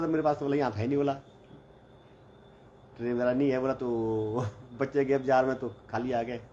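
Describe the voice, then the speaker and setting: Casual male vlogger, middle-pitched, rambling storyteller; slightly muffled lo-fi recording with faint background hiss. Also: darkish tone. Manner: rambling, chatty, repeats "bola" and "bhai". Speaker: hostel mess teacher. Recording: slightly dull lo-fi audio with faint background noise.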